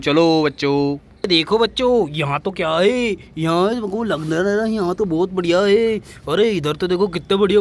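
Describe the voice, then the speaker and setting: A man narrating toy play for children in an eager, repetitive way, constantly calling out to the kids. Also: high-pitched.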